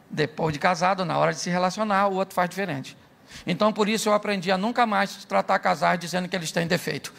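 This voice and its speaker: A middle-aged Brazilian pastor with a high, gravelly voice preaches in a bright, sharp tone. He delivers a humorous sermon, tells stories and acts out every voice in them. He keeps checking in with his listeners, asking them yes-or-no questions. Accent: Brazilian Portuguese. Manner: jokey, acts out dialogue, asks the crowd "sim ou não?".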